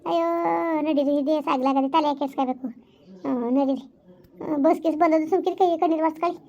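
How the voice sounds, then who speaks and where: A woman acting a kindly village woman who keeps coaxing a weeping friend to hush. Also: high voice, fast. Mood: soothing. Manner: coaxing, repeats herself to calm someone. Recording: dull lo-fi sound.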